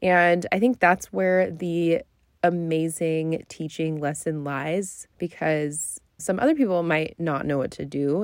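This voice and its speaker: A woman with a slightly low voice talks as a solo podcast host. Her delivery is informal and candid, like a conversation. The sound is dry and enclosed, recorded inside a closet. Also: a little mellow, no echo. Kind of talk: casual solo podcast talk.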